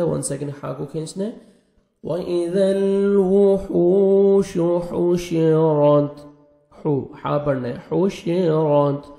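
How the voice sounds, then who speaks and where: A man teaching Quranic recitation, patiently explaining pronunciation rules and chanting verses slowly. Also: fairly high pitch, creaky, dark tone, roomy sound. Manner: patient, repeats letters and rules, slow drawn-out recitation.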